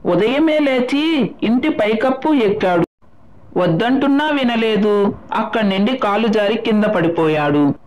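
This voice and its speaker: A woman voicing a dramatic old village grandmother who talks loudly through tears. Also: a little high, animated, a little slow, lo-fi sound, crowd noise. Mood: wailing, grieving. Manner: loud, wailing, tearful.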